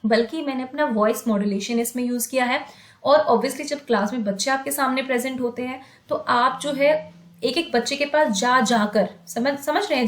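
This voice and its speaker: Woman, teacher trainer, high voice, sings poems slowly, chatty explanations, roomy echo. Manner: sings poems slowly, then explains in quick conversational tones. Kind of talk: demo poem teaching, sung and recited.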